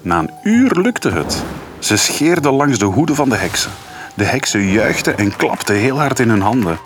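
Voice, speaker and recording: Lively man reading a storybook. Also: mid-range voice, normal speed, music in the background. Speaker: radio presenter reading to his daughter.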